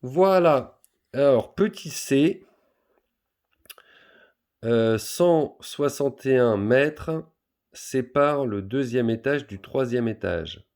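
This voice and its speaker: A man's voice: mid-range voice, lively intonation, very slow, pauses often, darkish tone. A man teaching a school math lesson, patiently talking pupils through each step of a word problem with many fillers.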